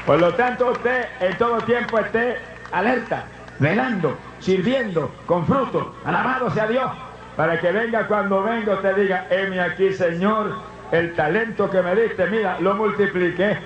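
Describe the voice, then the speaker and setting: A man preaching a fervent revival sermon to a congregation, breaking into loud shouts of praise. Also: high-pitched, unhurried. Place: church hall. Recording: echoey, dull lo-fi church recording.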